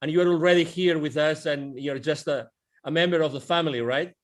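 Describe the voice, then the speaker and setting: Speaking briskly in a slightly high voice, this forties-aged host runs a casual video-call interview from indoors with a virtual backdrop. A wired earphone mic picks him up as he talks with his hands, full of enthusiasm and frequent restarts.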